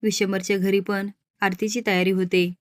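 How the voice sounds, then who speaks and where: A woman's voice: mid-range voice, flat delivery, normal speed, no echo. Woman narrator recapping a soap episode, level mid voice, dry recording.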